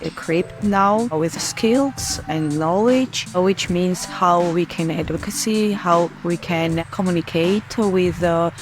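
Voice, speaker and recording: A seminar participant from Georgia, speaking haltingly and searching for words. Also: medium pitch, faint music behind. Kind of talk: interview testimonial.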